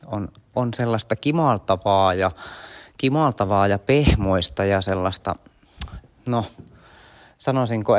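A man hosting a podcast, giving a chatty walking tour and guiding listeners from space to space. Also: on the low side. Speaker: podcast host.

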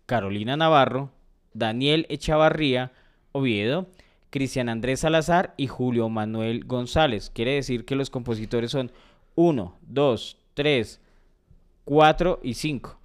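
A man's voice: medium pitch, a little slow, smooth. A man, co-hosting a podcast in casual chat, teasing his partner. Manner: teasing, provocative. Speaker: podcast co-host.

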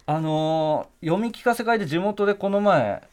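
Picture book author guy, slow careful explaining, voice moves around a lot. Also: high-pitched, lively intonation. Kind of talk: casual chat.

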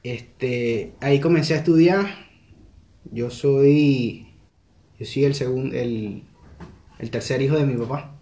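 This young man from Venezuela, speaking with a Venezuelan accent, reflects earnestly on interview questions in a conversational exchange. His mid-range voice is mellow and slow, broken by frequent pauses, and it reverberates.

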